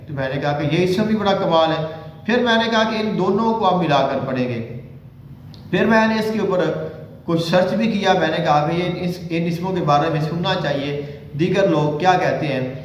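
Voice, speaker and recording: A man from Pakistan with a Punjabi accent, a cleric giving religious instruction who recites long sacred names slowly and deliberately. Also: high voice, slight background noise. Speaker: Islamic spiritual healer and cleric. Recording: very echoey room.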